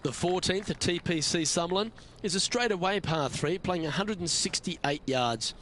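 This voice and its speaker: A man's voice: sits high, normal speed, a bit bright, slight background noise. A man playing a lead golf commentator in a video game, calling play in a polished broadcast style. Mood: composed, appreciative.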